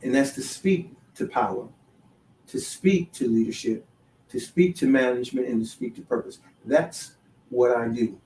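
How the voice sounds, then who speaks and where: A man hosting a solo talk show, halting with many restarts, then building to emphatic, sermon-like declarations. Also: medium pitch, animated, mellow, a little hiss or hum. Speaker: podcast host. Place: DC, Maryland, Virginia area. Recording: echoey room, voice far from the mic.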